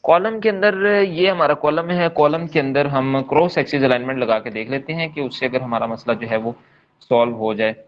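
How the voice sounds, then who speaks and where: A man's voice: medium pitch, moderate pace, highs cut off, a little hiss or hum. A man leading a live online coding class, explaining step by step in a patient, repetitive way and checking in often with his students. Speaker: coding instructor.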